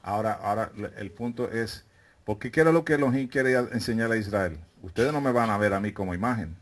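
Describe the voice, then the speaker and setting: A man's voice: lowish voice, quick pace. A man preaching a teaching sermon to a live congregation, often asking questions and calling them brethren. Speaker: preacher teaching a Bible study. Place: meeting room with a live congregation.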